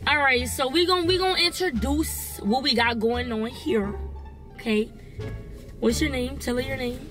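A woman's voice: high-pitched, measured pace, over music. A woman in her twenties hosting a vlog, chatting and teasing playfully inside a car. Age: 20s. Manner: playful, teasing, loud laughter. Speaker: vlog host. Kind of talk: casual chat. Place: inside a parked car at night.

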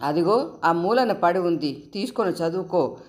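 Woman doing affectionate elder sister, teasing, bantering, slightly raised low-pitched voice, storybook. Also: lively intonation, measured pace. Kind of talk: storybook reading.

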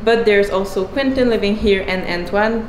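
Hip hop music fills a roomy home garage gym as a chatty young fitness athlete offers training tips in a casual vlog, moving between the gym and her kitchen. Her medium-pitched voice runs at a normal speed with hesitant fillers and light laughs, and a faint hiss or hum is audible.

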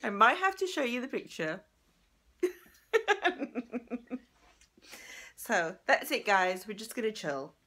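A woman's voice: a little high, very animated, slow, pauses often, sharp tone. Chatty woman vlogging from a hotel room. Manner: chatty and rambling, with frequent fillers and giggles. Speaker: family vlogger. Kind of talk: casual vlog chat to camera. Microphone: handheld camera held at arm's length.

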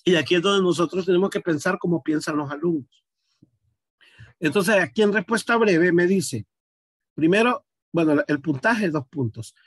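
A man teaching a class, explaining each step out loud and stopping to ask his students questions. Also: high voice, moderate pace, slightly rough, dry recording, studio quality. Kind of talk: online class demonstration.

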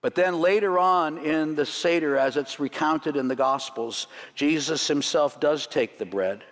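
A man with a slightly high voice leads a church congregation through a Seder plate, explaining each item. He teaches with light jokes and chuckles. His voice rings with a long reverb through the sanctuary. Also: a little slow, fairly bright tone. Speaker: rabbi leading a Seder demonstration. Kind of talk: sermon demonstration.

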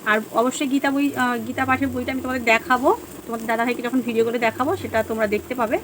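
A woman vlogger with a Bengali accent, chatting casually to viewers at home about her day, rambling with many fillers, her voice a little hoarse. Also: fairly high pitch, little pitch movement, rapid-fire, noisy background. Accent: Bengali (West Bengal). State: hoarse, throat going. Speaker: vlogger, housewife. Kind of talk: casual vlog chat to viewers.

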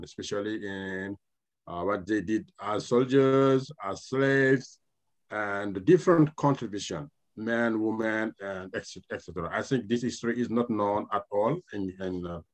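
Low-ish male lecturer from Senegal, French native, Senegalese French accent, halting delivery with fillers, headset video call. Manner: halting, many filler uhs and restarts. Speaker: history lecturer. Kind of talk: online lecture presentation. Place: home room with shelves, indoors.

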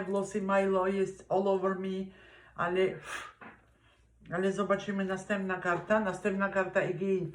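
A man's voice: high voice, echoey room. A man from Poland giving a casual weekly tarot reading, chatty and direct with advice, slipping English words into his speech. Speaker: tarot reader.

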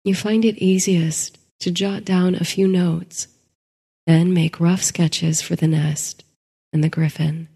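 A woman narrating a sleep story in a soft, hushed voice that slips into whispers. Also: fairly low pitch, level tone, slow pace, gravelly, slightly rough, long reverb tail.

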